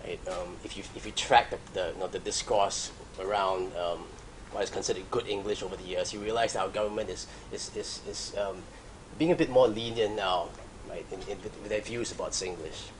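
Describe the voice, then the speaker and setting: A man with a Singaporean accent giving an academic lecture in a halting way, restarting phrases and often checking in with the audience. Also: fairly low pitch, fairly even intonation, slight background noise, rough recording. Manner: halting, with repeated starts and frequent check-in "right?".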